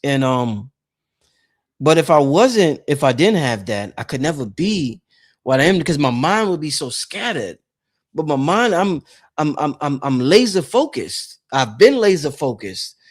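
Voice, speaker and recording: Speaking a little slowly, with a voice on the high side and big swings in pitch, a spirituality channel host in his late thirties chats informally with his audience. His talk wanders, and he leans on repeated phrases to drive points home.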